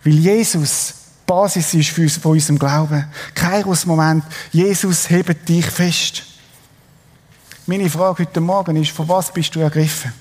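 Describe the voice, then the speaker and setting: A man's voice: a little high, fairly even intonation, unhurried, a little mellow, long reverb tail. A middle-aged man with a Swiss German accent preaching a sermon, telling a story with energy and putting questions to his congregation. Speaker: pastor.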